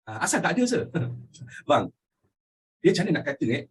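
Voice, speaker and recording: A young Malaysian man teaching history with a Malaysian accent, animated and constantly asking his students questions. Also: a little high, normal speed, slightly rough. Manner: animated, asks students questions constantly, mixes in English phrases. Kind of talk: lively classroom lecture.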